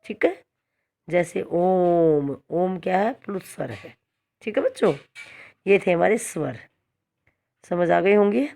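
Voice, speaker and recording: A woman teacher giving a slow, repetitive grammar lesson to children, often checking in with "okay". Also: on the low side, vocal fry, a little mellow. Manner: slow, repetitive explaining with frequent "theek hai" checks. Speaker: school teacher. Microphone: phone screen recording.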